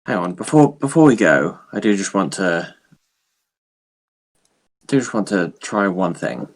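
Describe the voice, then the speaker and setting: A man at a tabletop game, talking through his plans in a tentative way and often doubling his words. His voice is low. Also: very animated, a little slow, poor audio. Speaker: player. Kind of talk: tabletop role-play.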